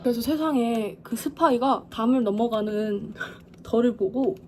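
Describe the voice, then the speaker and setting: A woman's voice: fairly high pitch, unhurried, warm tone, a little hiss or hum. A young woman in her twenties telling a story in a casual vlog. She talks animatedly and acts out the people she quotes. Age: 20s. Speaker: vlogger.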